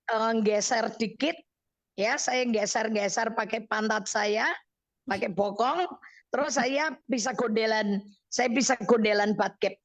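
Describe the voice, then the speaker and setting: Woman, middle-aged, Javanese accent, radio counselor, lively storyteller, slightly high voice. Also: unhurried, no room sound. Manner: animated storytelling, acts out her own quoted words. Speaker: evangelist counselor. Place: radio studio.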